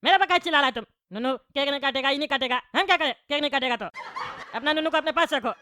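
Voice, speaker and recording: Woman doing a rude bald cartoon politician, bright voice, dry sound. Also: high-pitched, racing, no echo. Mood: mocking. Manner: mocking, dismissive. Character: bald boastful male politician, rude and quarrelsome.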